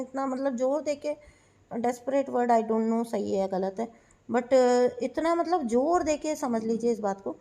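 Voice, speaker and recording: A woman with a high, light voice delivers a spiritual advice monologue. She is insistent and repeats herself for emphasis, with English phrases mixed into her talk. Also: darkish tone. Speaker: spiritual channel host.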